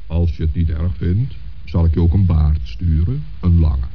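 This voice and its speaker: On a dull old recording, a very deep-voiced, husky old Saint Nicholas from a children's radio play speaks. He comes across as stately, kindly and patient, offering measured reassurance.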